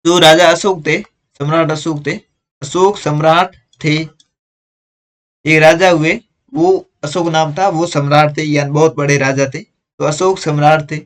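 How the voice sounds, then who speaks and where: A man's voice: a little high, fairly even intonation, unhurried, a bit bright. A male teacher patiently going through workbook exercises step by step, explaining corrections. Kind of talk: workbook lesson walkthrough.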